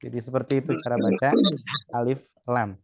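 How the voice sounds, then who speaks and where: Relaxed male Arabic teacher explaining. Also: medium pitch, a little fast, gravelly, dry recording, clean studio sound. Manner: explanatory, relaxed, frequent fillers and checks. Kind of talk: classroom lesson.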